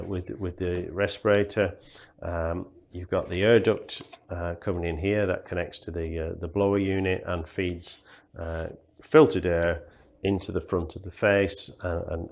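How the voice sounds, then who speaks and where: A man with a deep, creaky voice demonstrates welding safety equipment at a green table in an indoor studio. He explains things plainly as a product demonstrator, with lots of ums and uhs.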